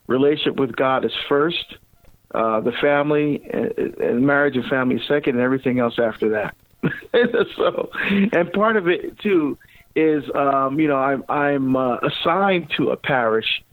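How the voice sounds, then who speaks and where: A middle-aged man from Barbados, a deacon, telling his story in a relaxed interview and chuckling often, with many fillers. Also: medium pitch, no room sound. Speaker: deacon and guest speaker. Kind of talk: casual interview talk. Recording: tinny phone-like line, dry.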